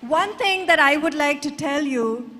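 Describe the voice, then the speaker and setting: A woman's voice: sits high, lively intonation, unhurried, pushed and bright, a little hiss or hum. A young woman with a South Indian accent giving an emphatic, formal pageant answer like a public address. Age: young adult. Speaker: pageant contestant. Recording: long hall reverb from stage PA.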